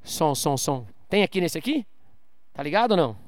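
A man's voice: a little high, sing-song, normal speed, dry recording. A man preaching an informal sermon to his church, joking and calling out for amens. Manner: informal, calls out for amens, jokes with the crowd. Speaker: pastor. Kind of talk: casual sermon to a congregation. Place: church service.

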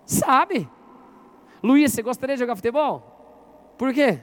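A man's voice: very high-pitched, expressive, slow. A man preaching as a pastor to his congregation, constantly asking them questions and getting them to speak to their neighbors. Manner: interactive, asks the congregation questions. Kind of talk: sermon. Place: church.

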